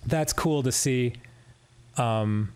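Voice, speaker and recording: A man hosting a casual chat, relaxed and laughing easily. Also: medium pitch, drawn-out words, crowd noise. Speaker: host.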